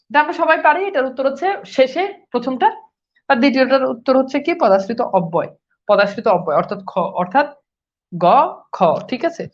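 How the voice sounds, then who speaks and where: A woman teacher giving a live online class, asking questions and answering them herself and repeating key points. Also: a little high. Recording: dull lo-fi sound.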